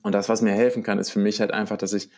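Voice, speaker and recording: Low gravelly guy thinking out loud, lots of restarts, mixes in english words. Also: flat delivery, racing. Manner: thoughtful, searching for words, many restarts; uses English loanwords. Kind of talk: reflective conversation.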